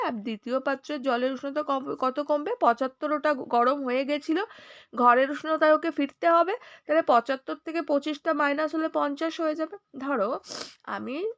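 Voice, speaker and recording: A woman with a Bengali accent teaching a science lesson, a little unwell and speaking softly. She reads questions aloud, then explains each step and checks that students follow. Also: sits high, dull audio.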